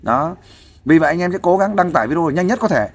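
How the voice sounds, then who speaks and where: A man's voice: a little high, animated, fast, breathy edge. A man giving fatherly, persuasive advice in a casual interview, often asking for agreement. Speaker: volunteer counselor interviewing a guest.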